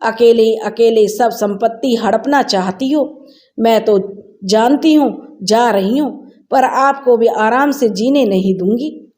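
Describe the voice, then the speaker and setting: A woman's voice: fairly high pitch, slow, warm tone. A woman voicing a bitter young wife who accuses her family through tears, told in a storybook reading. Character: angry young wife leaving her in-laws.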